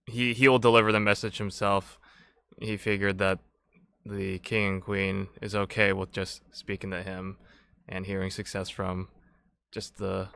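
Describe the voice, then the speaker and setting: A man's voice: fairly low pitch, vocal fry, sharp tone, smooth, no echo. A man running a tabletop game as game master, recapping and narrating in a loose, meandering way.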